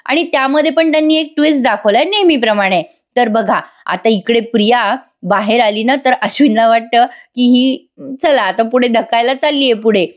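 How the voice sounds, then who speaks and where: Casting: chatty woman reviewer, somewhat high voice, talks straight to viewers. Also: normal speed, few pauses. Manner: chatty, addresses viewers directly, amused. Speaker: TV serial reviewer. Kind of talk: casual voice-over episode review.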